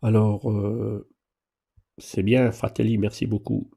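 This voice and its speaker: Husky-voiced chatty male driving instructor. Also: on the low side, slow pace. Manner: familiar, chatty, addresses viewers informally; lively exclamations and playful asides. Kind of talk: casual live Q&A driving lesson.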